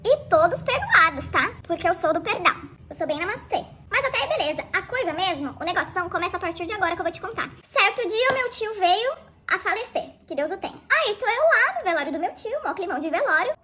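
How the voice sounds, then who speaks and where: A woman's voice: extremely high pitch, sing-song, quick pace, bright, forceful tone. A young woman telling a comic first-person story in a dramatic, slangy, exaggerated way.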